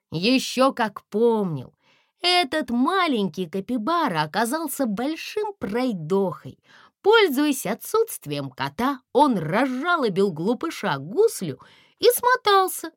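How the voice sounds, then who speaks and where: A woman reading a children's fairy tale aloud in a slow, expressive, gently dramatic way. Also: a little high, no room sound, studio quality. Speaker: narrator. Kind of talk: audiobook narration of a fairy tale.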